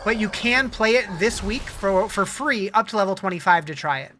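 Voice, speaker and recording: A livestreamer chats casually while gaming, answering viewers' questions in a conversational way. The voice is medium-pitched and a bit bright, with lively intonation and a moderate pace, and there's slight background noise.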